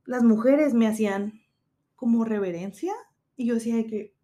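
A woman's voice: a little high, normal speed, mellow. A woman in her thirties with a Mexican accent, hosting a podcast and telling a story in casual chat, slangy and swearing freely while acting out quotes. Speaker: podcast host.

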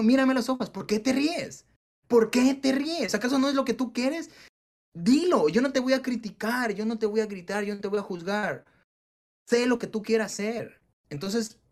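Man, somewhat high voice, animated, casual swearing, interview guest. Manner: animated, swears casually, acts out quoted dialogue. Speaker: entrepreneur guest.

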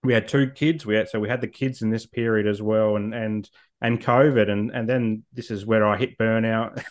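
His voice lowish and his intonation fairly even, an Australian man in his forties talks at a normal speed. As an interview guest recounting something personal, he is reflective, with frequent ums and repeated words.

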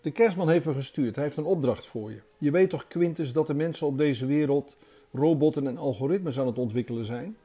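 A man's voice: fairly high pitch, a little fast, dark tone, breathy edge, faint music behind. A man voicing a talking male deer in a storybook, who speaks earnestly and urgently as a messenger.

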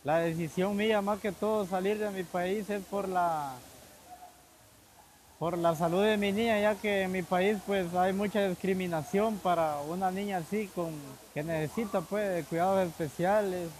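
A man's voice: high-pitched, fairly even intonation, normal speed, darkish tone, slight background noise, rough recording. A man in his twenties with a Honduran accent, answering interview questions in a hesitant way, repeating words and using many fillers. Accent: Honduran Spanish. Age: 20s. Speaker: interview guest, migrant father. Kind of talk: halting conversational answers.

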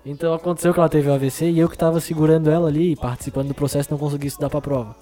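A man's voice: a little high, fairly even intonation, racing, dark tone, faint music behind. Joking young man telling a story. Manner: jokey storyteller, acts out quoted voices. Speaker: podcast co-host. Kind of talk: casual podcast chat.

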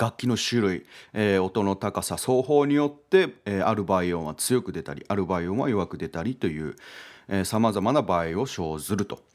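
低めの声で抑揚豊かに話す男性. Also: male voice, lowish voice. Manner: thinking aloud with many fillers, self-correcting. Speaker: music lesson host. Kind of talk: casual explanatory lesson.

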